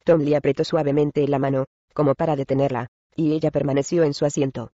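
A man's voice: on the high side, level tone, dry recording, highs cut off. Man narrating a ghost story. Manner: measured storytelling, addresses listeners as gentlemen. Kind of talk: scripted narration.

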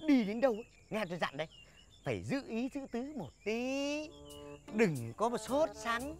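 A fussy, nagging village husband. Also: male voice, very high-pitched, sing-song, moderate pace, faint music behind. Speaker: husband in a rural village comedy. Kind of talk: comic film acting.

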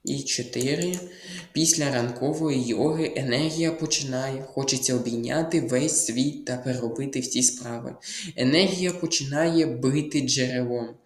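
A man's voice: mid-range voice, moderate pace, echoey room. A man tutoring, explaining test answers step by step, thinking aloud with fillers and restarts and repeating key words. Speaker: Ukrainian language tutor.

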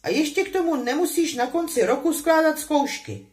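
A woman's voice: high voice, lively intonation, darkish tone, voice pushed up. Woman doing Ron, a sulky sarcastic boy.

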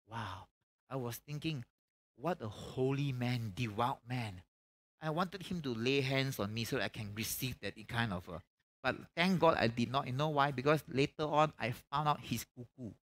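A man's voice: medium pitch, normal speed, fairly bright tone. A middle-aged man preaches a conversational revival sermon, emphatically, with repeated phrases and rhetorical questions. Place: church stage, indoors.

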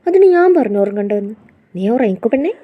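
A woman's voice: mid-range voice, sing-song, fast, breathy edge, phone-quality sound. A woman voicing a teasing, affectionate young husband in a storybook reading, with playful scolding.

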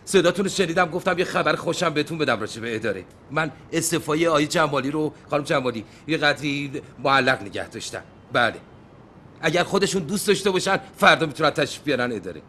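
An actor playing a young son and office boss who speaks politely and formally, trying to placate others, in a sitcom. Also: male voice, a little high, expressive, bright, forceful tone, slight background noise. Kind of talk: sitcom acting.

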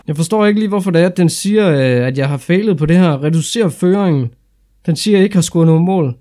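Excitable young Danish man gaming. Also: on the high side. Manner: excitable, shouts at big moments, swears casually. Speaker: gaming YouTuber. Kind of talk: excited let's-play commentary.

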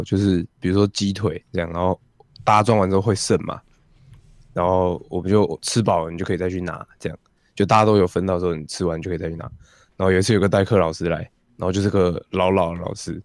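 A man's voice: low-pitched, fairly even intonation, fast, darkish tone, no room sound. A man jumping into a casual group chat with a brash story.

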